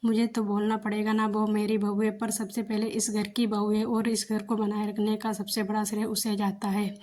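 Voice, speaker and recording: A woman voicing a calm, kindly older father-in-law in a narrated story, in her own flat voice. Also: mid-range voice, normal speed, close to an everyday voice. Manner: gentle, mildly irritated.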